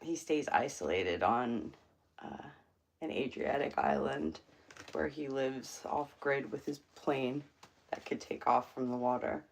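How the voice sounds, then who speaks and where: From a room in her home, a woman livestreams, chatting casually and rambling with lots of fillers. Her voice is a rumbling low, and she speaks at a measured pace.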